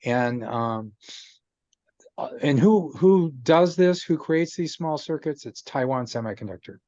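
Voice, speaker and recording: Explaining chip technology on a casual video call, a man takes his time, patient yet peppered with "um"s and false starts. He sounds warm, expressive, and slightly high-pitched, speaking unhurriedly. The audio is dull, with no room sound, captured by a video call microphone.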